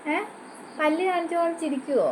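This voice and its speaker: Brief: high-pitched, gentle, coaxing woman, noisy home recording. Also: a little fast.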